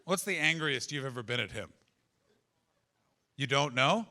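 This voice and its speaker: A man's voice: mid-range voice, animated, unhurried, pushed and bright. A man doing stand-up comedy crowd work and storytelling, conversational and profane, teasing his audience from the stage. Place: live comedy venue with an audience.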